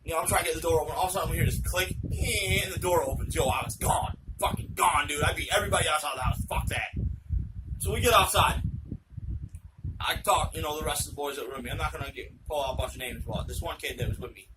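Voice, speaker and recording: A young man, the channel host, telling a true story at home in a rambling, excitable, profane way. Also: a little high, quick pace. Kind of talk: casual spoken storytelling. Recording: loud background noise with clicks.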